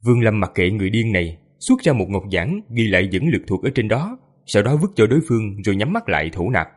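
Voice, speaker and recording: A man narrating a fantasy audiobook with an expressive, lively delivery. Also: on the low side, quick pace, husky. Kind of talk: storytelling narration.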